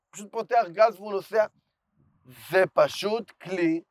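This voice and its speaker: A hoarse man talking with animated enthusiasm in a casual chat. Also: high voice, dry recording.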